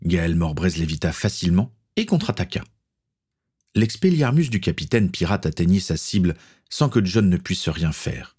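A male narrator reading a story aloud at a steady, measured pace. His voice is deep and husky. The delivery is even and unhurried. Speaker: audiobook reader.

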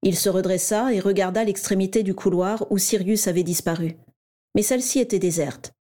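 A woman reading a story aloud in a steady, even storytelling manner. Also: medium pitch, fairly quick. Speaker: narrator. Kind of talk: scripted story narration.

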